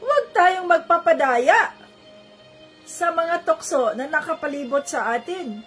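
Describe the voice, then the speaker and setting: A woman's voice: sits high, lively intonation, a little slow, a bit bright, faint music behind. A woman giving a casual Bible teaching, repeating phrases soothingly and mixing in English. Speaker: Bible study preacher.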